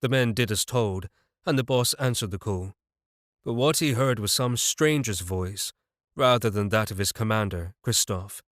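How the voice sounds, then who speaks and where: A man's voice: fairly low pitch, moderate pace, fairly bright tone, no room sound, studio quality. A man narrating a fantasy audiobook in the first person, telling it evenly with a wry touch.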